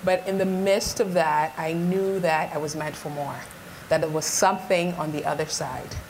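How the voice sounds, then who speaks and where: A woman who grew up in Ghana, speaking as a guest on a live event panel, earnest and measured as she tells her story. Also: low-pitched, fairly even intonation, slight background noise, poor audio. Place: event stage before an audience.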